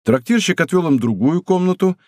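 A man reads an adventure audiobook in a measured, expressive way, his pitch moving freely and sitting a bit high. He is close to the mic in a dry studio. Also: no echo. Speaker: audiobook narrator. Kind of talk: scripted narration.

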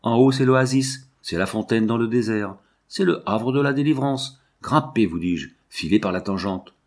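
A man voicing an agitated young male scientist who gives rapid, excited commands. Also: on the low side, natural voice. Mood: feverish.

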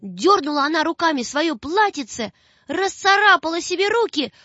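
A woman narrating a children's story in an expressive storytelling manner. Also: very high voice, moderate pace. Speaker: audiobook narrator. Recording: dull dry recording with faint music.

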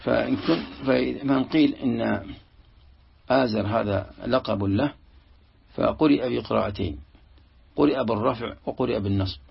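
A man teaching a Quranic commentary lesson, explaining in a halting way that repeats and restarts words. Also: mid-range voice, a little hiss or hum. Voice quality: gravelly, very husky. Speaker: sheikh commenting on a tafsir. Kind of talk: classical Arabic tafsir lesson commentary. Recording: muffled lo-fi lesson recording.

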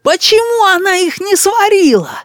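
A shrill spoiled little boy. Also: very animated, no echo, studio quality, full character voice. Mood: indignant. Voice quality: shrill, drawn-out whining. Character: spoiled bossy little boy, indignant and demanding.

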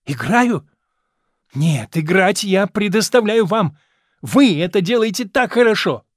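A man reading the lines of a young man who turns cold and furious, declaiming loudly and with indignation. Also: high voice, expressive, measured pace, dry recording, clean studio sound, voice pushed up. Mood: scornful.

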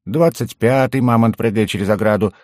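A man's voice: medium pitch, big pitch swings, fairly quick, darkish tone, husky, no echo, pitched above the performer's own voice. A man voicing a mischievous young male goblin jester with a cheeky, pestering manner, in a dry, close recording. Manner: cheeky, pestering, innocent-sounding.

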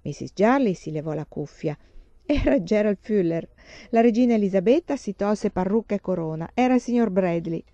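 A woman reading a children's novel aloud, in a measured, steady narration. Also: mid-range voice, no echo. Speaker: reader. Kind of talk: audiobook narration. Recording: dull lo-fi recording.

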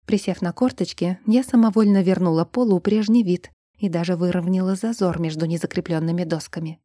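Husky female audiobook narrator. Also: fairly low pitch, fairly even intonation, brisk, no echo, clean studio sound. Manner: quiet, tense storytelling, dropping to a near whisper. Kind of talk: first-person fantasy audiobook narration.

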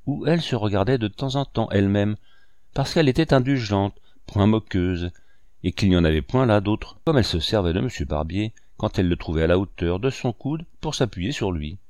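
A man narrating a classic French novel in a measured, literary reading style. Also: fairly low pitch, expressive, a little mellow, no echo, studio quality. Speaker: audiobook reader. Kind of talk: scripted narration.

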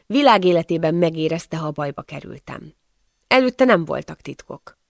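A woman narrating an audiobook in the first person, in a measured storytelling manner. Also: low voice, animated, gravelly, dry recording, studio quality.

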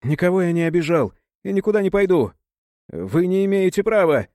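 A man's voice: medium pitch, big pitch swings, unhurried, a little mellow, no echo, studio quality. A man voicing a bewildered but stubborn young man.

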